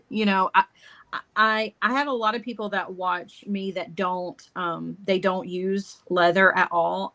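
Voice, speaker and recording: Brief: woman guest, bright forceful voice, friendly step-by-step crafting talk. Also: mid-range voice. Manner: friendly, explains steps while working. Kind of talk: casual demo chat. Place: southern United States.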